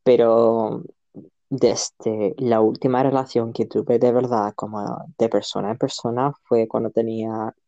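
A man's voice: mid-range voice, level tone, unhurried, gravelly, mellow, lo-fi sound. A man who is a podcast guest, talking in a laid-back, joking way in a casual interview.

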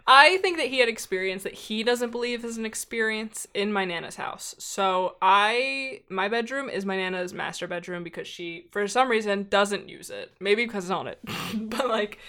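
A woman's voice: medium pitch, pushed and bright. A young woman chatting casually as a podcast guest, telling stories and filling her sentences with "like.". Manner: chatty, heavy use of "like" fillers. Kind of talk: casual chat, storytelling.

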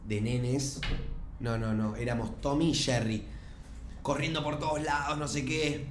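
A man's voice: mid-range voice, unhurried, background noise. Slangy Argentine young man, echoey. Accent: Rioplatense Argentine. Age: young adult. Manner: animated storyteller, slangy. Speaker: stream panelist. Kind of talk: casual chat.

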